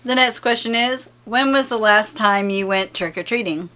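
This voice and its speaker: A woman's voice: fairly high pitch, normal speed, bright, forceful tone. A woman vlogger in casual, playful chat who often breaks into giggles while reading out survey questions.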